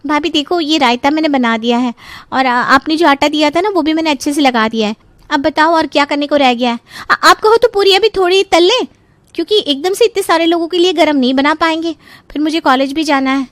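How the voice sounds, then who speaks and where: A woman's voice: sits high, a little fast, fairly bright tone, no room sound, pitched above the performer's own voice. A woman voicing an impatient young college-going sister-in-law in a cartoon story.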